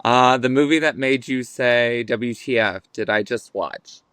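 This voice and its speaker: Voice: medium pitch, unhurried, a bit bright, dry recording. An interviewer in a casual chat, giving brief prompts and short reactions.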